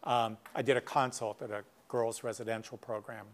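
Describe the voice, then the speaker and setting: A man's voice: medium pitch, fairly even intonation, moderate pace. A middle-aged man giving a workshop lecture as a clinician, in a conversational way with many asides and anecdotes. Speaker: guest speaker, clinician.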